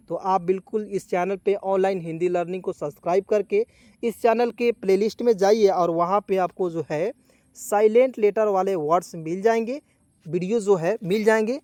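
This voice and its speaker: A man's voice: sits high, dark tone, no echo. A man teaching English spelling and pronunciation, spelling words letter by letter and asking viewers to repeat. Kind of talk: Hindi-language spelling lesson.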